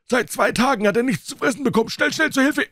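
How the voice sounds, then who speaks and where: A man's voice: extremely high pitch, quick pace, fairly bright tone, dry recording, studio quality, pitched above the performer's own voice. A man voicing a panicked, trembling elderly man in a storybook reading.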